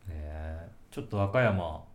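A man's voice: deep voice, animated, measured pace, crowd noise. A man co-hosting a casual podcast, playful and full of jokey asides. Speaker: podcast co-host. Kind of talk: casual chat.

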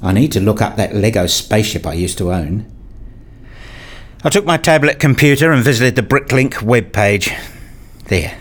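Fairly low-pitched and animated, this male voice moves at normal speed as the narrator and lead of a radio play. He portrays a brooding, rule-fixated husband and father, and his first-person narration and dialogue sound introspective and pedantic.

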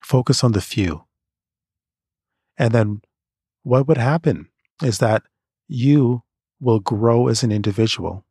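A man from Canada, giving creative career advice in an earnest, measured motivational monologue. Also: mid-range voice, warm tone, husky, no room sound, clean studio sound.

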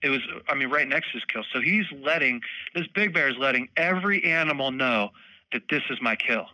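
A young man telling a story in a casual chat, animated, laughing often and acting out moments. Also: medium pitch, fairly quick, no echo, rough recording. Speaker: podcast guest, bowhunter.

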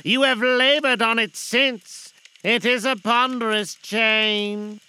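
A man voicing the mournful, chained ghost of a dead old businessman, speaking in a solemn, slow lament. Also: very high-pitched, steady tone, pushed and bright, clean tone, pitched above the performer's own voice, exaggerated voice.

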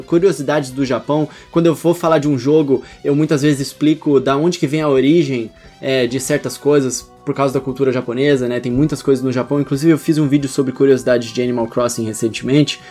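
A man's voice: on the high side, a little mellow. A Brazilian man talking casually as a guest on a podcast.

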